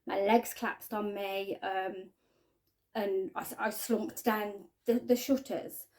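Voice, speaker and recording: A woman giving a halting, earnest personal testimony to camera, often trailing off quietly. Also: mid-range voice, steady tone. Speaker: spiking victim sharing her story.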